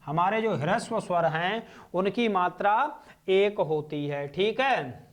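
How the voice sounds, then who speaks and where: A man's voice: high-pitched, expressive, slow pace. A male teacher with a Hindi accent gives a classroom lecture, drawing out each vowel sound and answering his own questions. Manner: asks questions and answers them himself.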